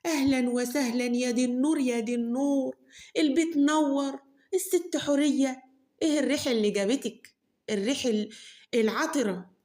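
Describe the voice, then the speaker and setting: Woman doing a shrill Egyptian peasant mother. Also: fairly quick, a little mellow, close to an everyday voice. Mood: fawning. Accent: Egyptian Arabic. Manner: shrill, nagging, cursing. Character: shrill scolding peasant mother, sharp-tongued.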